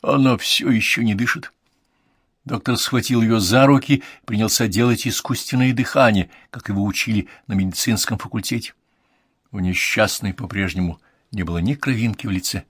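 A man's voice: fairly low pitch, brisk, slightly rough, no echo, studio quality. A man narrating an audiobook in a dramatic reading style.

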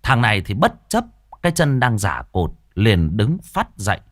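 A man's voice: fairly low pitch, big pitch swings, normal speed, no room sound, clean studio sound. A man narrating a story in a vivid, earthy way.

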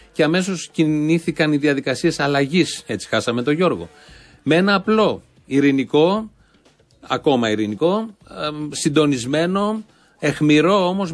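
A man with a slightly high voice delivers heated, sarcastic political commentary as a show host. He speaks in rallying bursts, mocking and urging by turns.

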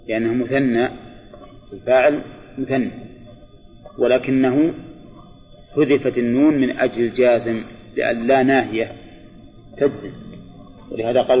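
A man's voice: medium pitch, a little mellow. Man teaching in an echoing hall. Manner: deliberate, repeats examples and quizzes students. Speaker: religious scholar teaching grammar. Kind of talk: classroom grammar lecture. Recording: lo-fi reverberant hall recording with faint music.

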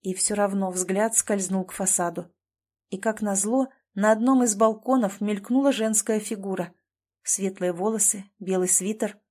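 A woman narrating a novel in a measured, expressive audiobook reading. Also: medium pitch.

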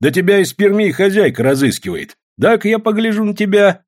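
A male narrator voicing a gruff police sergeant who barks and sneers at suspects. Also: sits high, very animated, brisk, pitched above the performer's own voice. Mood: sneering. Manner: barking, sneering.

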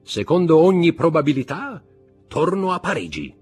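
A man's voice: low-pitched, very animated, measured pace, darkish tone, husky, faint music behind, heavily acted. A man reading aloud, voicing a cornered, insolent young male scoundrel with a mocking manner.

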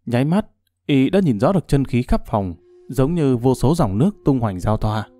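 A man narrating a martial-arts novel as an audiobook, in a steady, even storytelling manner. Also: medium pitch, normal speed, no room sound.

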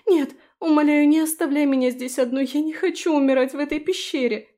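A woman plays a proud, scheming young noblewoman in a storybook reading. She pleads with tearful urgency, then mocks from a raised, mellow voice. The figure is arrogant and manipulative. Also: fairly high pitch, animated, moderate pace, pitched above the performer's own voice, natural voice. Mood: pleading.

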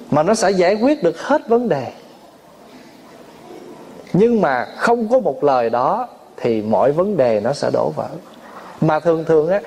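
A man's voice: fairly high pitch, warm tone, slight background noise. A man giving a Buddhist sermon, telling everyday stories and acting out family arguments with frequent laughter. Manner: storytelling, acts out family quarrels, laughs often. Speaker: Buddhist monk giving a dharma talk.

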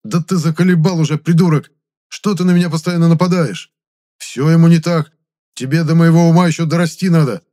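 A man voicing an excitable, touchy man who speaks high and loud and flares into shouting. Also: a little fast, natural voice. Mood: angry.

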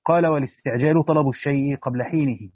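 Brisk man reading a religious text. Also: mid-range voice, no echo. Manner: brisk recitation of the text, with plain spoken asides to students. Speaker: teacher reading and explaining a Quran commentary. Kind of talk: religious lesson, reading a text aloud with comments. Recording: dry, thin phone-like line.

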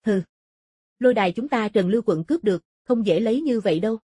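A woman plays an arrogant rival fighter in a fantasy audiobook. The delivery is haughty, taunting and menacing, in a dark, husky voice with very dry sound. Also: mid-range voice, lively intonation, fast, no room sound. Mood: scornful. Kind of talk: audiobook character dialogue.

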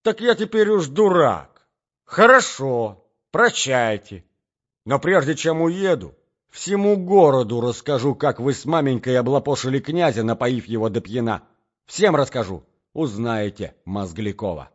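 A man voicing a hot-tempered jilted young gentleman in an audiobook, shouting indignant outbursts. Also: medium pitch, lively intonation, moderate pace, natural voice. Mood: furious. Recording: dull lo-fi audiobook recording.

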